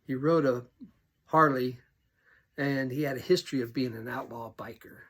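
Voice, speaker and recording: A middle-aged pastor telling personal stories in an animated way, sometimes dropping to a near whisper. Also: male voice, medium pitch, moderate pace. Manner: animated, acts out quoted voices, drops to a near whisper at tense moments. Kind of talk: storytelling monologue.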